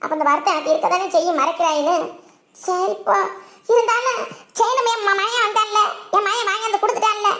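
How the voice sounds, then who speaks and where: A woman's voice: very high-pitched, fairly quick, sharp tone, heavily acted. A woman voicing a nagging village mother-in-law. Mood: reproachful. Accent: southern Tamil Nadu village dialect. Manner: nagging, reproachful. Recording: roomy echo.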